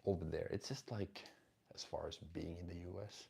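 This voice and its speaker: A man's voice: deep voice, steady tone, normal speed, vocal fry, warm tone, a little hiss or hum. A man, hosting a live stream and answering chat questions in a direct, emphatic, blunt coaching tone. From Finland.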